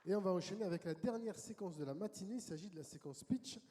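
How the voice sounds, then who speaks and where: A man moderating a conference panel, his voice dark and low in tone though a touch higher than most. He welcomes and directs guests in a brisk, friendly way. The sound rings with long reverb from a large hall. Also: some chatter behind.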